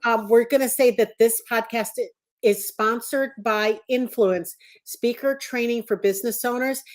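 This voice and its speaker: A woman's voice: on the high side, steady tone, unhurried. A woman hosting a podcast over a video call, chatty and encouraging toward her guest. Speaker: podcast host. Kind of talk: conversational interview hosting.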